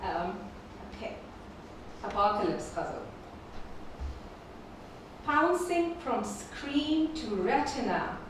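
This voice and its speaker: A featured poet whose first language is Urdu gives a live reading at a performing arts venue, with spoken introductions between poems. She reads slowly in a fairly high voice and repeats each poem's first line. The recording is distant and echoey, with slight background noise.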